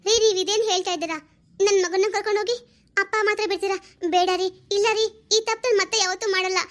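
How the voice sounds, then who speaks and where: A woman's voice: steady tone, fast talker. A woman playing a worried young mother who pleads and frets in a homemade family drama. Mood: pleading. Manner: tearful, pleading, high and thin. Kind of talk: amateur audio family drama.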